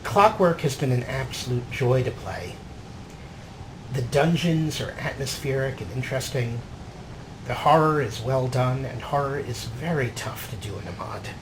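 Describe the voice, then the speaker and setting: A man hosting a video game series narrates at a moderate pace in a mid-range voice, partly reading a scripted journal in character and partly commenting on the show. Background noise is present.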